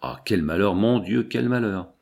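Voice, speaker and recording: A kindly, fatherly prison pastor, read by a man in an audiobook. He laments in a gentle, lowish voice. His tone is sorrowful and concerned. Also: normal speed, vocal fry.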